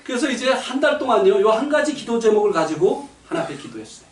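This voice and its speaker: A man giving a lively testimony at a gospel meeting, telling stories with shouted punchlines and laughter. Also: high-pitched, quick pace. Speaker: lay preacher giving a testimony. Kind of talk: sermon testimony. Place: church meeting hall. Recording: echoey hall, mic from a distance.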